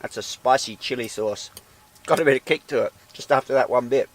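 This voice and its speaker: Inside a small tent with a wood stove, a male outdoor vlogger talks casually to the camera, wandering off into self-deprecating asides. His medium-pitched voice moves fairly quickly through this solo vlog commentary.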